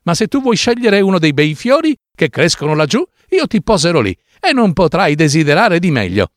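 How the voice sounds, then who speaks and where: A man's voice: a little high, big pitch swings, a little fast, dry recording, studio quality, pitched above the performer's own voice. A man doing a kind swallow in a storybook. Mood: welcoming. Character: kind female swallow, caring and gentle.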